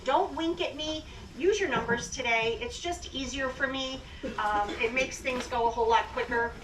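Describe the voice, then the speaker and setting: A woman's voice: high voice, normal speed. A woman working as an auctioneer, giving bidders plain-spoken, businesslike instructions about how the sale will run. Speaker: estate auctioneer. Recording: distant, echoey, clearly noisy pickup.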